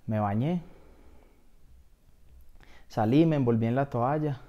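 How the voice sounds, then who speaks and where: A man telling an absurd comedy story in a deadpan way, as if talking to a doctor. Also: medium pitch.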